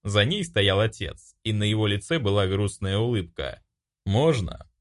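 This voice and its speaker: A man narrating a fantasy audiobook in an expressive storytelling manner. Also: lowish voice, normal speed. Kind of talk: scripted narration.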